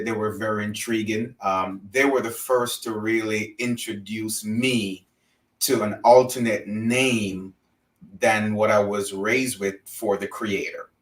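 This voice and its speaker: A man from Jamaica, a religious teacher speaking as a guest in an interview, earnest and measured. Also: fairly low pitch, fairly bright tone. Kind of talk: interview conversation. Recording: roomy, distant from mic.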